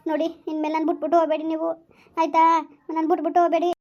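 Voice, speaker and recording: High-pitched anxious village wife played by a woman, flat and quick, dull lo-fi audio. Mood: pleading. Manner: pleading, repetitive, emotional. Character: anxious village wife longing for her lost son. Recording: dull lo-fi recording.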